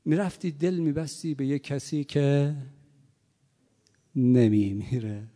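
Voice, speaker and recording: A man preaching a sermon, moving from quiet, plain talk to loud, impassioned cries. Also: fairly high pitch, expressive. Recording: long hall reverb.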